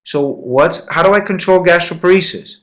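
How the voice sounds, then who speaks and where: Man, medical lecturer, live classroom, quizzing students, repeats key points, slightly high pitch. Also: moderate pace. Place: lecture room.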